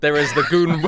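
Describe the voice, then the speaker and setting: A man's voice: high-pitched, heavy background noise. A man running a tabletop game as game master, playful in his narration.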